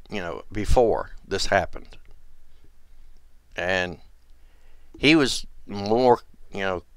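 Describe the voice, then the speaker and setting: Low-voiced man rambling in a dry close recording. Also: smooth, dry recording. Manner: meandering, repeats himself, trails off softly. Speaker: conspiracy video host. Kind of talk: rambling casual monologue.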